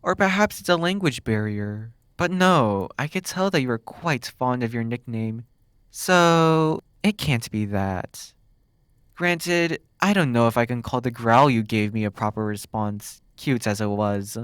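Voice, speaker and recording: Playing a smug demon captor for ASMR roleplay, a man muses flirtatiously and teasingly with pauses, though the mood turns puzzled and frustrated. He speaks at a middling pitch in a lightly acted, slightly bright, clean voice, recorded dry and close with no echo.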